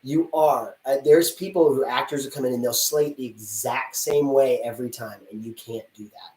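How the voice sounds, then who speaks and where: This casting director has a medium-pitched, darkish voice and a moderate pace. At a live Q&A he hands actors blunt, talkative advice, acting out brief exchanges as he goes, and the sound is roomy and distant.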